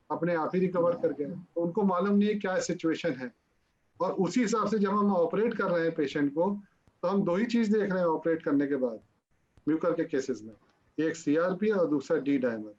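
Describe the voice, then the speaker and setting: A man's voice: high-pitched, a little mellow. A male doctor answering interview questions, patiently explaining technical medical details. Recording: dull lo-fi audio.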